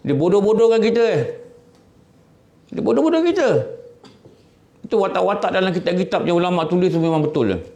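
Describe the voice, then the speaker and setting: A Malaysian man giving an earnest sermon, his voice pitched a little high. He sounds roomy and echoey, recorded in an office prayer room. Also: lively intonation, fairly quick, creaky, long pauses, darkish tone. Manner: earnest, drops his voice low to mimic temptation. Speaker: religious teacher.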